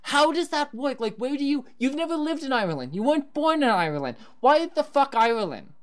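A Canadian podcast host chatting casually, profane and quick to laugh as he questions his guest. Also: sits high, very animated. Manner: conversational, profane, laughs easily.

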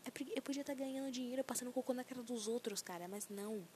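A woman's voice: on the high side, fast, warm tone, slight background noise. A young woman of nineteen hosting a solo podcast, ranting in a self-mocking, profane and rambling way, anxious. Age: young adult. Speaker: podcast host.

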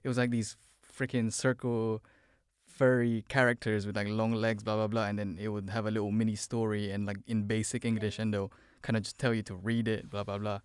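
A man's voice: fairly low pitch, little pitch movement, brisk, smooth, no room sound, clean studio sound. A young man from the Philippines, telling his childhood story in casual, rambling chat with lots of fillers and restarts. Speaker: podcast guest.

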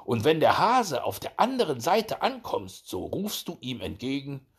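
A man's voice: mid-range voice, wildly swooping pitch, moderate pace, slightly rough, voice pushed up, full character voice. A man voicing a sly, stubborn male hedgehog in a fairy tale, cocky and bossy. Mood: explaining.

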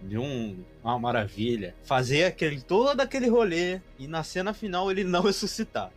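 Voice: medium pitch, lively intonation, brisk, faint music behind. A speaker, chatting casually and expressively with slang on a podcast. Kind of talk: casual chat.

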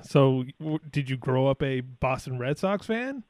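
Guy in his 30s hosting a podcast, stumbles over his words a lot, mid pitch, dry sound. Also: animated, unhurried, a little mellow, no room sound. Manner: rambling, stammers and repeats words. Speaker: podcast host. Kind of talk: casual interview chat.

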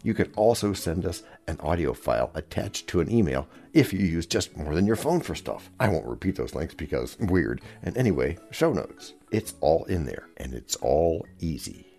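Deep, gravelly man hosting a podcast. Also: very animated, normal speed, hardly any pauses, mellow, faint music behind. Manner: wry, theatrical, playful asides. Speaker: podcast host. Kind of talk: scripted comedic podcast talk.

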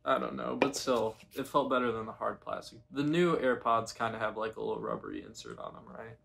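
A man's voice: medium pitch, brisk, creaky, a bit bright. A young man co-hosting a podcast in casual chat, teasing his friends and reading out the topics. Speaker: podcast co-host.

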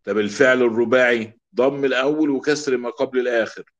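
A man with an Egyptian Arabic accent teaching a grammar lesson, slowly repeating example words to drill them. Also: medium pitch, steady tone. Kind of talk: classroom lesson. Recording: dull lo-fi recording.

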